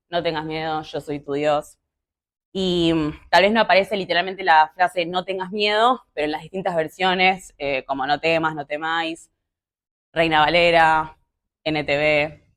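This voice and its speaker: A young woman with a Rioplatense Spanish accent, giving a casual, conversational sermon full of fillers and asides. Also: on the low side. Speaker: youth preacher.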